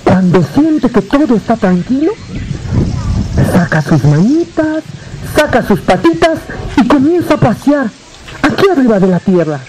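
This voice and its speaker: A man with a Mexican accent telling a folk tale to a live audience, with dramatic drawn-out repetitions and joking asides. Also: very high-pitched, very animated, noisy background. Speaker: storyteller. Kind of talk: live oral storytelling.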